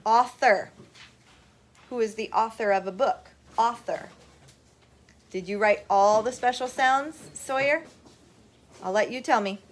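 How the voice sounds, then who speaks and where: Brisk high-voiced schoolteacher. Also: female voice, a little hiss or hum. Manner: brisk, reads poetry slowly with a lilt. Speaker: teacher. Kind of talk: classroom phonics lesson. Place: classroom.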